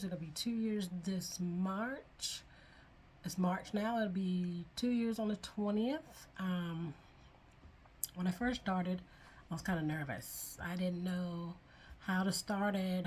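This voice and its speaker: Older woman vlogger, mid pitch, chatty and earnest, talks straight to camera. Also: a little mellow. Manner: chatty and earnest, retells her own past thoughts aloud. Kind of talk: casual talking-to-camera vlog.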